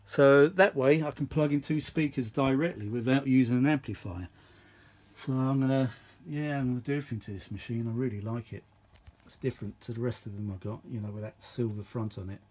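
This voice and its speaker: A middle-aged host of a vintage audio video talks a little fast, his medium-pitched voice carrying a darkish tone. His casual, unscripted chat is hands-on and rambling. He thinks out loud and often goes back over the same points.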